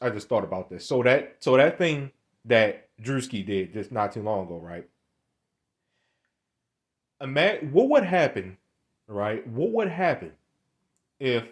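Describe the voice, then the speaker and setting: A man in his twenties giving a casual, rambling monologue, often stammering and repeating words, with street slang. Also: medium pitch. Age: 20s. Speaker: online commentator.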